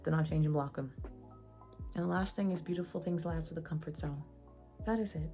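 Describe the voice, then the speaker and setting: A young woman giving casual advice in a vlog, slangy and sassy, with a flat, even delivery. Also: sits low, fairly quick, faint music behind. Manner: says she sounds monotone. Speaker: vlogger.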